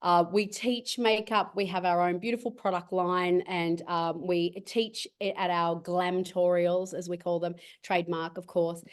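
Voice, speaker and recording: On a casual video call, a middle-aged woman who started a cosmetics company rambles through a story and laughs a lot. Her clean-toned voice is fairly low and fairly even in pitch, and she talks a little slowly with few pauses.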